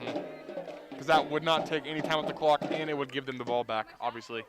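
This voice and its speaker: Football analyst guy, middle pitch, talks strategy, lots of yeahs. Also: fast, soft background music. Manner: analytical, agreeable with many yeahs. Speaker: color commentator. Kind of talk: live sports analysis. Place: outdoor football stadium.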